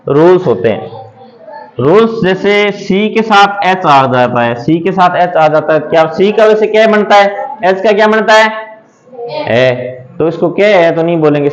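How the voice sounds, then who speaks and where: A man with a fairly high voice teaches phonics patiently, asking the same question again and again and answering it himself as he writes examples on a board. The recording sounds dull and lo-fi. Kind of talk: classroom lesson on English phonics.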